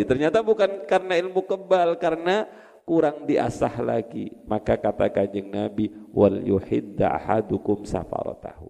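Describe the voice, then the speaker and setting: A man's voice: fairly low pitch, creaky, warm tone. A middle-aged man with a Javanese accent, teaching a religious study lecture in a folksy, humorous way and acting out the stories. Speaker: Islamic cleric teaching classical texts. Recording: hall with long reverb.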